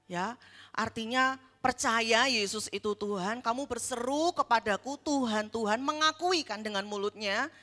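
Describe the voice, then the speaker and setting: Bright high-voiced woman preaching. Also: big-room sound. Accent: Indonesian. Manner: asks the congregation questions, with slow emphatic stresses. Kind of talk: sermon. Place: church hall.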